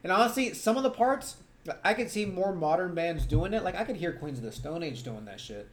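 A man's voice: high voice, expressive, brisk, slight background noise. A young man in casual chat as a podcast co-host, tipsy after a few beers, blunt and swearing casually, with lots of "like".

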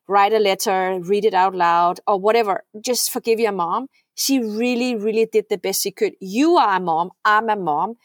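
In a clean, dry studio recording, a middle-aged Danish podcast guest speaks earnestly in a mid-range voice during a heartfelt talk. She repeats words frequently and keeps checking in with "right?".

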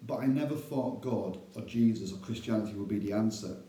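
A middle-aged Northern English man with a low, dark voice tells his life story as an interview guest. He is chatty and self-deprecating. The room around him is echoey. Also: a little fast. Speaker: church elder, interview guest.

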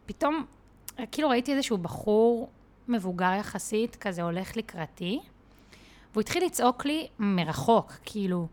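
A woman's voice: medium pitch, expressive, a little mellow. A woman guest on a podcast, telling a personal story in a chatty way with many fillers and restarts. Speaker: podcast guest, content creator.

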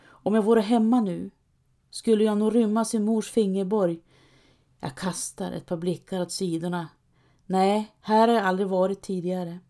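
A woman narrating a first-person audiobook story in a hushed, tense way. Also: medium pitch, steady tone.

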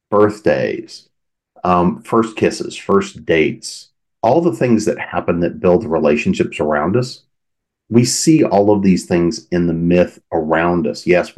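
A man's voice: low voice, darkish tone. A middle-aged man hosting a podcast, talking on his own in a thoughtful, earnest way and asking many open questions. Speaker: podcast host. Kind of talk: reflective solo podcast talk.

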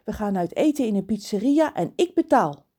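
A woman's voice: medium pitch, very animated, moderate pace, mellow, breathy edge, pitched above the performer's own voice. A woman voicing a ten-year-old boy in a storybook, earnest and close to tears. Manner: earnest, tearful. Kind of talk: storybook character voice.

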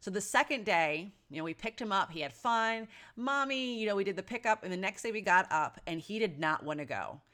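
Earnest bright-voiced mother telling a story. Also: mid-range voice, lively intonation, fairly quick, hardly any pauses. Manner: earnest, reflective, with frequent restarts and "you know". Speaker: mother sharing parenting experience. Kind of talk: casual personal storytelling.

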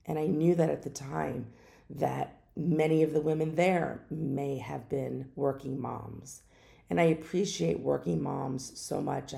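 On her solo podcast, a middle-aged woman muses aloud at an unhurried pace, hesitating now and then in a reflective way. A lingering cough has left her naturally deep voice hoarse, though it stays mellow.

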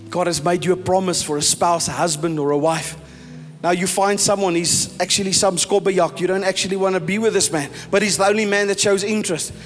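A South African pastor preaching a sermon emphatically, sometimes mixing in Afrikaans phrases. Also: male voice, high-pitched, steady tone, a little fast. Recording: reverberant hall with soft music.

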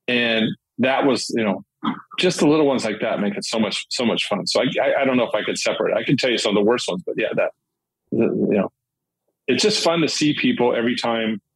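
A man's voice: medium pitch, creaky, husky, dry recording, rough recording. A middle-aged man, a guest in a casual interview, telling stories about his real estate deals in a rambling way full of restarts and fillers.

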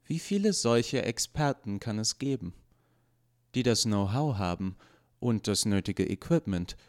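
A man reading as an earnest male android officer, speaking calmly and formally in a storybook. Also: lowish voice, a little slow. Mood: grave.

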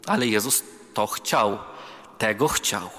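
With a lowish, sharp-toned voice and a slow delivery, this priest gives a conversational sermon to young people on retreat. Scripture alternates with stories in which he pokes fun at himself. Faint music plays under the echo of a big chapel hall.

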